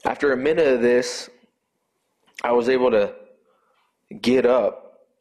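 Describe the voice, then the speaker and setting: A man giving an earnest, emotional personal faith testimony, halting at times and repeating words as he speaks. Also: medium pitch, fairly even intonation, darkish tone.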